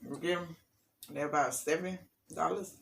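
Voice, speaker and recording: A woman's voice: low-pitched, steady tone, moderate pace, vocal fry, a little hiss or hum. A woman hosting a casual food tasting vlog, chatting to viewers while she eats and laughing often. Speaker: food vlogger.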